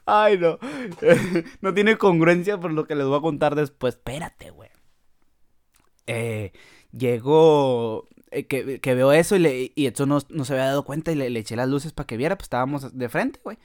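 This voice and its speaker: A man with a Mexican accent and a voice pitched a little above most men's. He tells a comic podcast story in a loose, casual way, packed with crude slang and punctuated by laughter. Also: measured pace. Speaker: podcast host.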